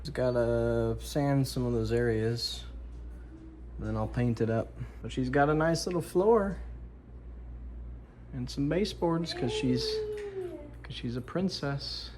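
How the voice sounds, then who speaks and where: A man's voice: mid-range voice, slow, pauses often, darkish tone, slight background noise. Chatty man showing off a home project. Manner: rambling, chatty, self-correcting, talks to his dog. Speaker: DIY vlogger. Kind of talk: casual on-camera project talk. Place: indoors at home.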